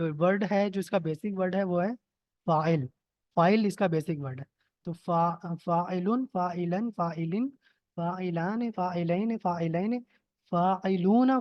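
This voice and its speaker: A man's voice: high-pitched, no echo, highs cut off. Patient man teaching over a call. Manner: patient, checks in with "theek hai?" often. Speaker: Arabic grammar teacher. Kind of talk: online lesson, explaining step by step. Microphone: computer mic on a video call.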